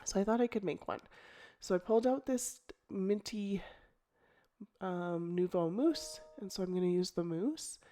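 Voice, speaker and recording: Over soft background music, a middle-aged woman with a mid-range voice made croaky by a cold explains a scrapbooking project at an unhurried pace. It's a casual tutorial voice-over, relaxed and chatty, with ums and restarts as she thinks aloud.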